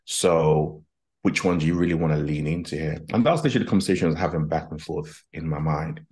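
A man's voice: very deep voice, fast, a little mellow. A man from Nigeria who grew up in Britain, a guest executive coach earnestly telling his story over a video call on a headset. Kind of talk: reflective storytelling. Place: home office, video call.

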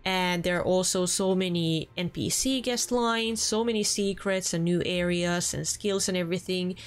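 A lowish-voiced young woman with a Finnish accent speaks at a moderate pace as she closes out a let's play in her home room. Her casual gameplay commentary is chatty and earnest, with small restarts along the way.

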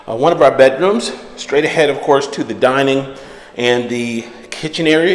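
A man, a real estate agent, narrating a walkthrough of a house as he walks it, relaxed and explanatory with frequent fillers. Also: mid-range voice. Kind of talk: walkthrough home tour narration. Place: outdoors then inside an empty house.

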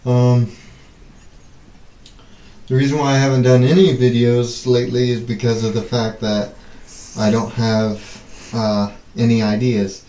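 A man in his twenties hosting a casual stunt vlog, talking in halting bursts and exclamations as he deals with the cold. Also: medium pitch, mellow. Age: 20s. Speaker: video host. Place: small bathroom, in the tub, filmed by another person's handheld camera. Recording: echoey bathroom with noticeable background noise.

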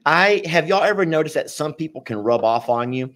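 A man with a deep Southern Texas drawl, chatting casually and jokingly on a live stream in a folksy, rambling way. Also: expressive, brisk, a bit bright. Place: living room at home.

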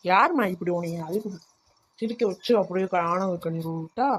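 A woman's voice: on the low side, moderate pace, slight background noise, close to an everyday voice. A woman playing a blunt, teasing married son in a cartoon, with a Tirunelveli Tamil accent. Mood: puzzled. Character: blunt grown son, married, cheeky toward his mother.

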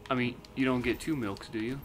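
A man's voice: medium pitch, steady tone, fairly quick, a crowd in the background. A man chatting casually and playfully in slang as he plays a video game and comments on it. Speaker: gamer playing and commenting. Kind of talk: casual gameplay banter.

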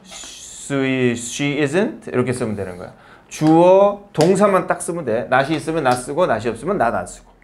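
Lively casual male English teacher. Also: medium pitch, measured pace. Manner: explains patiently in short spoken phrases, asking and answering his own questions. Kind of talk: casual grammar lesson in Korean.

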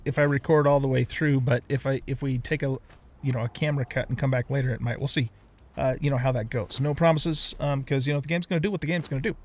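An older American man hosts a casual let's play, narrating in a folksy, easygoing way and thinking aloud as he goes. His voice is somewhat higher-pitched.

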